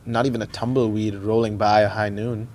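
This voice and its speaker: A man's voice: fairly low pitch, little pitch movement, fairly quick, darkish tone, slight background noise, lightly acted. A young man narrating in first person as the lead of an audio drama, chatty with wry, self-deprecating asides. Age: young adult.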